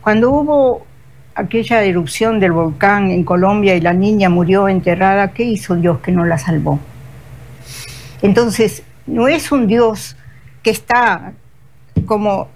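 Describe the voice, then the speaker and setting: A woman's voice: medium pitch, a little slow, rough recording. An older woman from Uruguay, a guest answering interview questions reflectively, often correcting herself mid-thought. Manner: searching, self-correcting phrasing.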